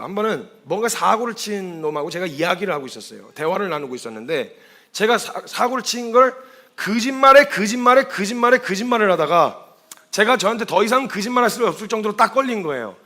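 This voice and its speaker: A man preaching a sermon as a missionary, animated and storytelling, acting out quoted speech and asking rhetorical questions. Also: sits high.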